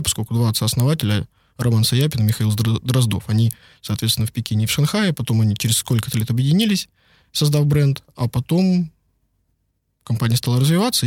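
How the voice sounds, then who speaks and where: A man's voice: mid-range voice, a little mellow, dry recording, clean studio sound. A man, a law firm partner, answering interview questions in a loose conversational way with many fillers. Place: lives and works in Beijing.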